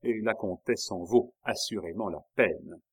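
A man voicing a proud, jealous queen who speaks with sharp irony that rises to fury. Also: fairly low pitch, expressive, measured pace. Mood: biting. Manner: sharp, biting, rising to fury.

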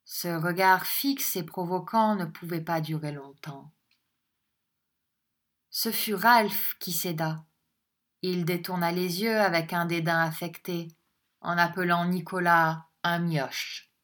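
A woman narrating a classic novel as an audiobook, in a measured, deliberate way. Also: fairly low pitch, steady tone, fairly bright tone.

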